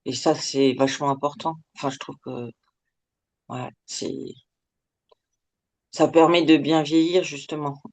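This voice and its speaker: A middle-aged woman speaks candidly as an anonymous interviewee, her voice artificially lowered by a pitch shift. She talks informally and hesitantly, letting sentences trail off into filler words. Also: steady tone, measured pace, pauses often, darkish tone. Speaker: interviewee giving an anonymous testimonial.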